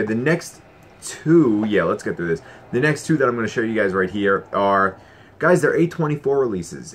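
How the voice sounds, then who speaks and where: A man talks through his latest disc pickups in a loose, excitable way, stumbling over restarts and fillers. His voice sits on the low side. Faint room ambience hums behind him. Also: slight background noise. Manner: enthusiastic, rambling, lots of fillers and restarts. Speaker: Blu-ray collector vlogger. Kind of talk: casual collection haul vlog.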